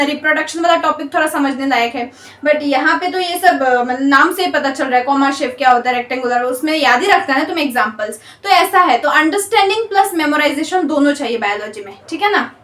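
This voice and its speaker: A woman's voice: high-pitched, a bit bright, echoey room, recorded from a distance. A woman teacher reassuring her students in a casual way about their exams and how to study. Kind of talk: encouraging talk to students.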